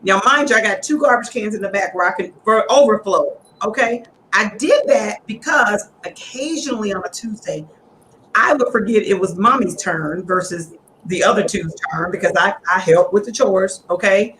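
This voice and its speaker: A middle-aged woman hosting a casual chat among women, talking in an animated, preachy storytelling way. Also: medium pitch, moderate pace, slight background noise, poor audio. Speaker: host.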